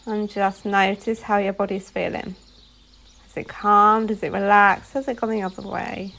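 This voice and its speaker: With a mid-range, creaky, slightly bright voice and a flat delivery, a woman leads a guided meditation. She is a yoga nidra instructor, giving gentle instructions phrase by phrase and pausing often.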